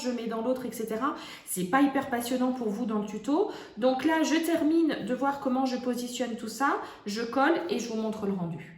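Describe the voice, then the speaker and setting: A woman's voice: high voice, roomy sound. A woman hosting a casual crafts tutorial at her craft table, chatty, with many hesitations and restarts.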